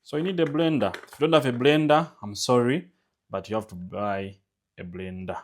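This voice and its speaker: Ugandan guy doing a diy hair remedy vlog, mid voice, repeats himself a lot, gets loud on key words. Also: mid-range voice, normal speed, slight background noise. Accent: Ugandan English. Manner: repetitive, urging viewers to subscribe; emphatic, rising on key words. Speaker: home remedy vlogger. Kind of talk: casual instructional vlog.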